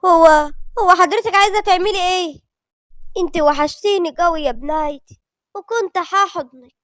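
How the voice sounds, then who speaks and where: A woman's voice: high-pitched, quick pace, fairly bright tone, no echo, studio quality. A woman with an Egyptian accent voicing a sad, loving middle-aged mother who speaks tenderly and pleadingly. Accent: Egyptian Arabic.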